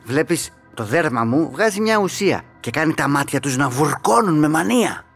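A man's voice: fairly high pitch, animated, gravelly, fairly bright tone, soft background music, heavily acted. A man voicing a shy, sad little onion in a children's audio story, talking timidly and plaintively. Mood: tearful.

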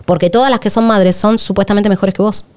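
A woman's voice: medium pitch, fast. A woman with a Rioplatense Spanish accent, co-hosting a podcast in candid, confessional chat. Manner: candid, confessional, animated storytelling. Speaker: podcast co-host.

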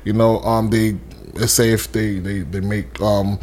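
Laid-back young man with a low voice. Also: flat delivery, measured pace, darkish tone. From Haiti. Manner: laid-back, rambling with fillers and restarts. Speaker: interview guest, custom suit maker. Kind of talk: casual interview.

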